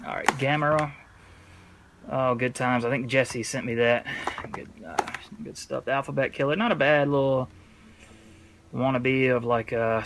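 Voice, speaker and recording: Male horror-collector vlogger, mid-range voice, loose jokey delivery full of slang and swearing, clear background noise. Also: medium pitch. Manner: slangy, heavy cursing, jokey. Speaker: horror film collector presenting a video. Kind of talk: casual rambling movie review.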